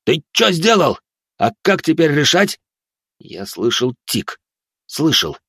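A man reads a first-person story in a tense, dramatic manner. His voice is low and husky. The sound is dry and close to the mic. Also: no echo. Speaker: narrator.

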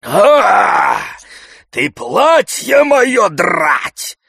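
A man voicing a grumpy old male servant who wheezes hoarsely and scolds hotly. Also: mid-range voice, lively intonation, dry recording, studio quality, voice pushed up. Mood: shouting. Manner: heated, scolding, quick to shout.

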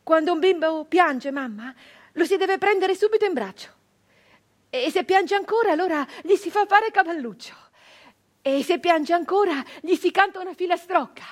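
In this theatrical radio monologue, a woman performs in a very high voice as a wistful peasant girl-turned-woman looking back on her youth, sounding eager and childlike. She repeats herself haltingly, her breathy storytelling dropping to whispers before surging into fervent cries.

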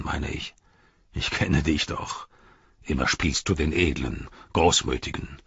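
A man reading an audiobook and voicing a bitter, scornful aging ruler who lashes out at his son, with a husky tone that drops into whispers. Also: extremely low pitch, fairly bright tone, no echo, lo-fi sound, full character voice.

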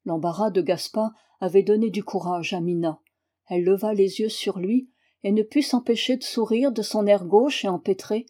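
Mellow-voiced woman reading a novel. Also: medium pitch, normal speed. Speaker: audiobook reader. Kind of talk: scripted narration.

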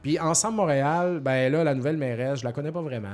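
This man in his forties hosts a casual podcast with a Québécois French accent, chatting informally in slang and taking listener questions. His voice runs on the high side, quick and a little mellow.

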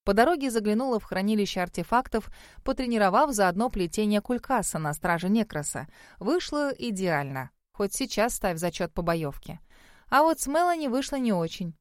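A woman's voice: medium pitch, animated, normal speed, no echo, clean studio sound. A woman narrating a first-person audiobook in a wry, sardonic way.

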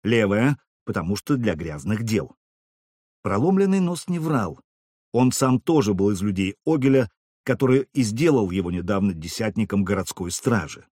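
Male narrator, expressive storytelling, animated intonation, dry booth sound. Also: lowish voice, no echo. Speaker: audiobook narrator. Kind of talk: scripted narration.

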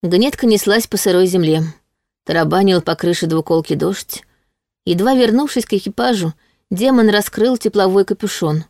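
A woman narrating a story in the first person, calm and even. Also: mid-range voice, normal speed, no echo, clean studio sound. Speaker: audiobook narrator.

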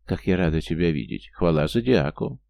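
A man's voice: deep voice, expressive, brisk, gravelly, darkish tone. A man voicing a falsely sweet, gushing middle-aged aunt in an audiobook. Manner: sugary, effusive.

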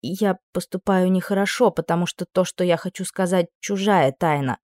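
A woman voicing a gentle, anxious young prince who speaks softly and quietly. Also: lowish voice, normal speed, no room sound, clean studio sound, natural voice.

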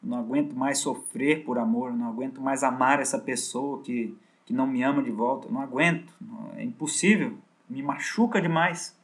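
A man's voice: medium pitch, brisk, natural voice. A man speaking as a lovesick, self-pitying young man in a retold story, close to his own voice. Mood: despairing.

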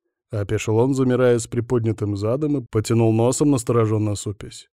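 A man reads a first-person audiobook with a gruff, curt delivery. His voice is mellow and dark at a middle pitch. The recording is dry and close, with no room sound. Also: fairly even intonation, a little fast, dry recording. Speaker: audiobook narrator.

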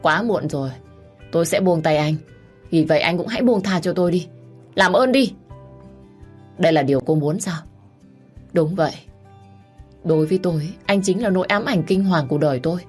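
A woman's voice: low-pitched, brisk, pauses often, darkish tone, breathy edge, faint music behind. A woman voicing a grief-stricken young pregnant woman who pleads through tears, in a storybook reading. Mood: bitter, cold. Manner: sobbing, pleading.

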